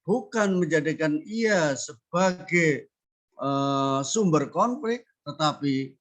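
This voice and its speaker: A man's voice: a little high, fairly bright tone. An older man from Java, speaking earnestly as a panelist at a discussion forum and building his points through emphatic repetition. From Central Java, Indonesia. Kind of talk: spoken remarks at a discussion forum.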